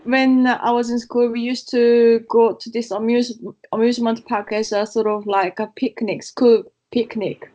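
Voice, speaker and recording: Her delivery is flat and unhurried, with a fairly high pitch and a dark tone, yet she is a chatty storyteller who laughs a lot. She is a Korean woman co-hosting a casual podcast, recorded with slightly dull lo-fi audio.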